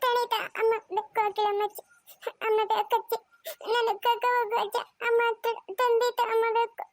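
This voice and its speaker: A woman's voice: very high-pitched, flat delivery, moderate pace, no echo. Woman voicing a whiny little cartoon boy. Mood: crying. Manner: whiny, repetitive pleading. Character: small whiny little boy, clingy and tearful. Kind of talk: cartoon voice acting.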